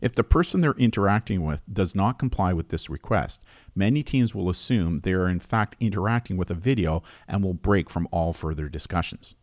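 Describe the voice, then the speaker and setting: A low-voiced man hosts a podcast, presenting scripted educational material in a measured, explanatory way with very lively intonation. The recording is dry and close, with no room sound.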